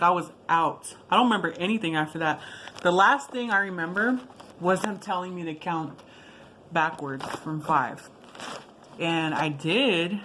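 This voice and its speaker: Rambling casually through a personal story, this video blogger keeps tossing in asides and correcting herself. Her voice is slightly low but fairly bright in tone. Clear background noise sits behind her.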